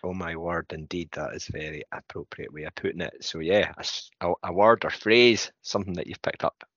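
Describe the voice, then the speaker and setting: A man's voice: sits low, fairly even intonation, fairly quick, a bit bright, dry recording, highs cut off. A man bantering casually as a podcast co-host.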